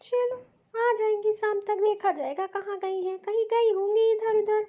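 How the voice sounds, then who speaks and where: A woman's voice: extremely high pitch, a little slow, mellow. A woman voicing a selfish young sister-in-law in a cartoon, dismissive and grumbling to herself. The recording is dull and lo-fi. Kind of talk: cartoon voice acting.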